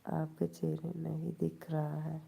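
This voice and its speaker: Low, gravelly-voiced woman streamer. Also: monotone, takes it slowly, warm tone. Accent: Awadhi. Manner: teasing, chatty, laughs often. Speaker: live stream host. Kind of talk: casual live-stream chat with viewers.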